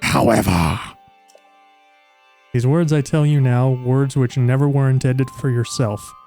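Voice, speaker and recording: A man's voice: mid-range voice, a little slow, vocal fry, warm tone, faint music behind. A man reading the lines of a solemn, formal old woman sage from a video game in his own voice. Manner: reads game dialogue aloud in his own voice.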